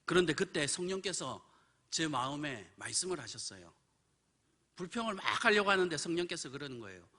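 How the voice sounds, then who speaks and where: Male preacher, animated storyteller with a bright, lively pitch. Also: brisk. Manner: animated storytelling, acts out quoted voices. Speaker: pastor. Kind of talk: sermon with personal story. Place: church.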